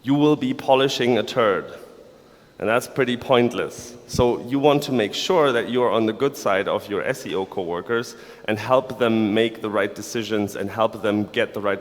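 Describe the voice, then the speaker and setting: A man's voice: fairly low pitch, moderate pace. A man from Germany, giving a playful, sarcastic conference talk to developers. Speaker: conference speaker. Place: large conference hall. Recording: long reverb of a large hall.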